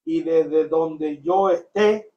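A man's voice: fairly high pitch, drawn-out words, reverberant, recorded from a distance, lo-fi sound. A man in a devotional conversation, speaking with emotional, exclamatory praise. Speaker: church member.

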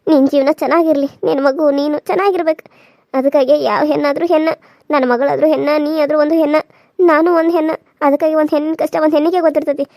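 A woman's voice: high-pitched, steady tone, fast, a little mellow, dry recording, studio quality. A woman voicing an older village aunt, caring and firm, talking steadily and earnestly with a North Karnataka Kannada accent. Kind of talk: cartoon voice acting.

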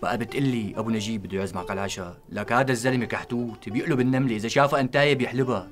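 An actor playing a gossipy neighborhood friend who mocks and teases, with a Damascene Arabic accent. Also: male voice, mid-range voice, racing, lightly acted. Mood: teasing. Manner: mocking, gossipy, laughing at his friend. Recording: TV drama audio with music behind.

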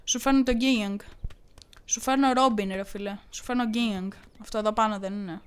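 A woman gaming YouTuber doing let's play commentary, with excitable shouted reactions and playful taunts. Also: mid-range voice, a little hiss or hum.

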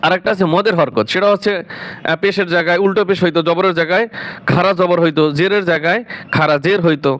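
A man's voice: high voice, fairly even intonation, fast, a bit bright. A man teaching Quran recitation, spelling out letters and drawing out each syllable, repeating words several times before explaining them. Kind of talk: slow spelled-out recitation lesson.

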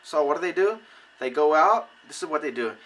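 A man giving casual how-to advice on recruiting people, animated and acting out conversations. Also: fairly high pitch, brisk, rough recording. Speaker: network marketing recruiter. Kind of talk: casual how-to video talk.

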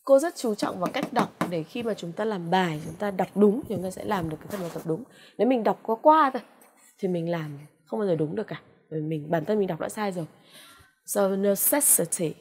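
A woman English teacher with a Vietnamese accent, slowly repeating vocabulary words and explaining them in a drawn-out, coaxing classroom way. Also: medium pitch, background noise. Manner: frequent "ok" and "à" fillers, coaxing "đúng không ạ?". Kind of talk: vocabulary lesson with pronunciation drills.

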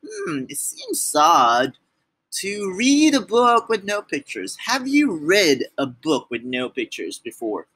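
A man's voice: sits high, big pitch swings, a little slow, hardly any pauses, fairly bright tone. A man reading a storybook aloud to children, playful and exaggerated, talking straight to the child listening. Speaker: children's book reader.

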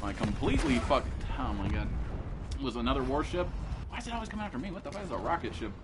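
A young man streaming a shooter game, cursing constantly, yelling and complaining in loose casual commentary. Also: medium pitch, very fast, background noise. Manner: excitable, swears constantly, yells and complains.

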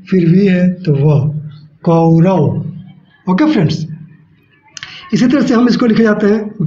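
High-voiced man teaching slowly in an echoey room. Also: darkish tone. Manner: slow, repeats each step, explains aloud while writing. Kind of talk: step-by-step classroom lesson. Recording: echoey room, dull lo-fi sound.

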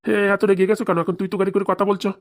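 A woman's voice: mid-range voice, flat delivery, rapid-fire, lightly acted. A woman voicing a meek, henpecked old village husband in a comic cartoon, placating and backpedaling.

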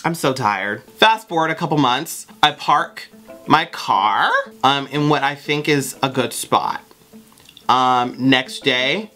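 A young American vlogger with a mid-pitched, androgynous voice tells a story casually to camera. The delivery is sassy and animated, peppered with swearing. Music plays underneath. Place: small bedroom, indoors. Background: background music.

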